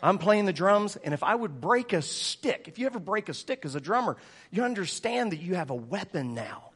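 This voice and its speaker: A man's voice: high-pitched, sing-song, normal speed, fairly bright tone, husky. Laughing, joking man in his forties preaching. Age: 40s. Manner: joking, storytelling, laughing often. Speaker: pastor. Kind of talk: sermon.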